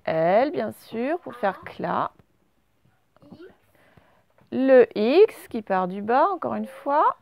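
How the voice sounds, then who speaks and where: A French woman teacher giving a slow dictation lesson to young children, stretching out words and spelling letters. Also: on the high side, big pitch swings, vocal fry, darkish tone. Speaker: primary school teacher.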